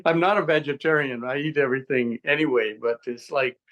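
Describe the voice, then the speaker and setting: A man in his seventies giving a rambling, halting interview testimonial, with frequent restarts and chuckles. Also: medium pitch, muffled recording. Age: 70s. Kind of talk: casual interview answers.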